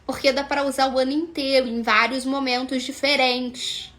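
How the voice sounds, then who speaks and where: A woman's voice: high-pitched, level tone, normal speed, fairly bright tone. A woman psychologist in her thirties, chatting to camera with lots of fillers and acted-out dialogue. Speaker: psychologist and channel host. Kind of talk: casual talk to camera.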